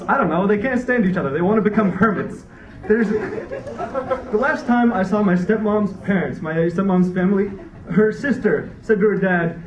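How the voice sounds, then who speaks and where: A high-pitched young man does comedy on a dark stage for a laughing theater crowd, rambling and wry with frequent restarts. He uses a handheld stage mic, but the sound comes from a far camera, making it roomy, distant and dull.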